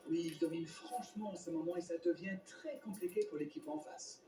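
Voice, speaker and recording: A man's voice: high-pitched, big pitch swings, fairly quick, warm tone, soft background music. An actor playing an opinionated male football co-commentator analysing a match in a video game. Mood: impressed. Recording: distant, echoey, noisy TV game audio.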